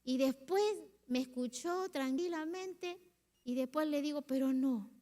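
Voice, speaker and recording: Woman pastor, middle-aged, high voice, heartfelt confessional sermon, long church reverb. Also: measured pace, mellow. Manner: emotional, confessional preaching with quoted prayers. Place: church sanctuary.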